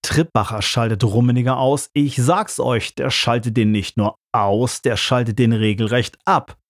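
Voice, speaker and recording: A man's voice: mid-range voice, steady tone, unhurried, dry recording, clean studio sound, natural voice. A man reading the lines of a brash young male football fan in a story, blunt and know-it-all. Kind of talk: audiobook character voice.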